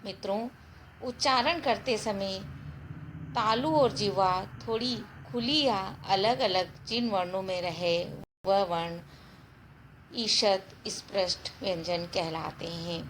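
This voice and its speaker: A woman teacher giving a slow, deliberate grammar lesson and addressing her viewers as friends. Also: mid-range voice, background noise. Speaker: Hindi teacher.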